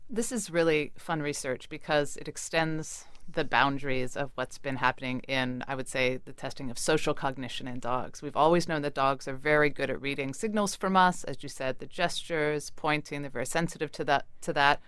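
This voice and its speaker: A woman's voice: deep voice, moderate pace, few pauses, fairly bright tone, smooth, no echo. A woman, an expert guest, giving fluent, articulate commentary in an interview.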